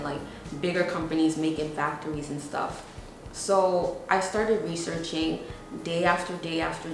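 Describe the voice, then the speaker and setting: A young woman, speaking in a slightly low voice. She tells how she started her business in a documentary interview, casual and chatty, with plenty of "like" and "you know". The recording sits in a very echoey room. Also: noisy background. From New York, USA. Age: 20s.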